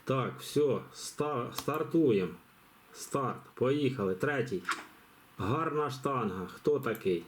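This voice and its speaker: A man's voice: mid-range voice, animated, slow, slight background noise. Chatty man hosting a giveaway. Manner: rambling, chatty, many fillers and restarts. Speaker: channel host running a giveaway. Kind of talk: casual live commentary.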